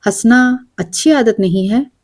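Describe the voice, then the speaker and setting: A woman's voice: a little high, measured pace, no room sound, clean studio sound. Woman voicing a fretful young woman. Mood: plaintive. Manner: fretful, plaintive, self-reproaching. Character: anxious self-blaming young woman on train. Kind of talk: storybook reading.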